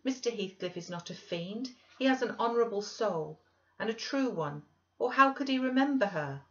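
Woman putting on an impassioned, petulant young gentlewoman. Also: medium pitch, big pitch swings, normal speed, lo-fi sound, voice pushed up, close to an everyday voice. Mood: distraught. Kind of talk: dramatized audiobook reading.

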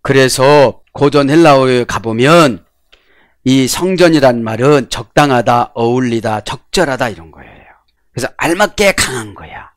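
A male pastor preaching a sermon, swinging between loud exclamations and quiet asides. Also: medium pitch, lively intonation, normal speed, no room sound, studio quality.

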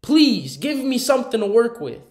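A man's voice: very high voice, sing-song, moderate pace, a little mellow, a little hiss or hum. A young man giving casual reaction commentary in a slangy, exasperated, ranting way. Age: young adult. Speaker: host of a reaction channel. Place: small room indoors.

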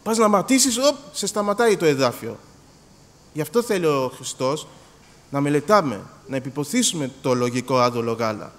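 A Greek man preaching a sermon in a church hall, animated and acting out little dialogues, repeating words as he goes. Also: a little high. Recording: long hall reverb.

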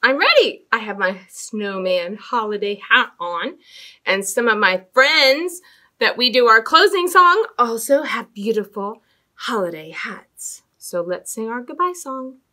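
A middle-aged woman hosts storytime in a small indoor room with a fabric backdrop, reading stories aloud and talking to young children. Her fairly high voice has an expressive, deliberate sing-song quality with dramatic emphasis.

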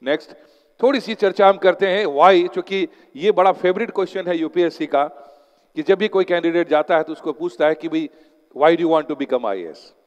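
A man's voice: fairly high pitch, moderate pace, dull audio. A man giving a motivational seminar talk as an exam coach, telling stories and mixing English phrases into his Hindi. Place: lecture hall. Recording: long hall reverb.

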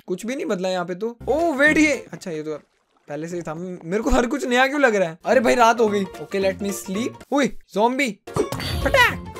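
A young man with an Indian accent giving joking, self-mocking commentary while playing a game, mixing English into his talk. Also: very high-pitched. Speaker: gaming YouTuber. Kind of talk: casual gameplay commentary.

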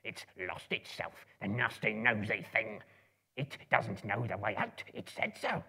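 Here the same kind of miserable, spiteful cave creature, muttering and hissing in broken grammar, is performed by a man at a lower pitch for a dramatic reading. The unhurried, very animated, heavily acted voice is sharp in tone, raspy, hissing and creaky, with a fretful, suspicious mood.

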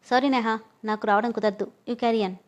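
A woman's voice: fairly high pitch, steady tone, moderate pace, highs cut off, natural voice. A woman voicing a confident, teasing young man in a read-aloud story. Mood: firm.

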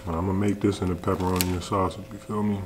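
Speaking very fast in a low, level voice, a young adult American food reviewer chats to the camera while eating, relaxed and slangy. The video is shot indoors in a home kitchen, and background noise can be heard.

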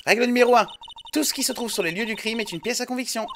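A man's voice: very high voice, quick pace, background noise, pitched above the performer's own voice. A man voicing an eager, bossy young girl detective in a video game, speaking in a raised voice. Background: game music.

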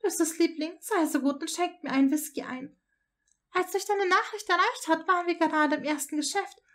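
A woman's voice: extremely high pitch, a little fast, fairly bright tone, pitched above the performer's own voice. A woman voicing a fussy aristocratic older witch, a chatty grandmother who gushes in a raised voice. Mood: chatty, exasperated.

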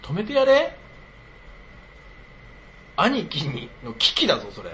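A man's voice: high voice, huge pitch swings, takes it slowly, a bit bright, lo-fi sound, a little hiss or hum. A man streaming live in casual chat, blunt and teasing, often breaking into laughter.

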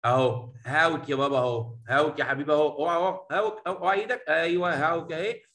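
A man with an Egyptian Arabic accent teaching a poetry lesson in a classroom, talking affectionately to his students and mixing Arabic with slowly read English lines. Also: fairly high pitch, steady tone, a bit bright, echoey room, low-quality recording. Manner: affectionate, addresses students as "habibi" and "baba"; mixes Arabic explanation with slow English reading.

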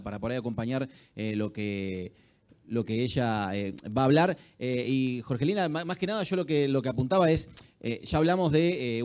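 A man with an Argentine accent moderating a live conference panel in a halting way, often repeating words. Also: mid-range voice, darkish tone. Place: large auditorium stage, indoors. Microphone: handheld microphone.

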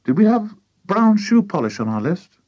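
Man playing an eager, high-pitched young boy. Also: very animated, moderate pace, mellow, husky, no echo, dull audio, exaggerated voice. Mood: sudden realisation. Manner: eager, earnest.

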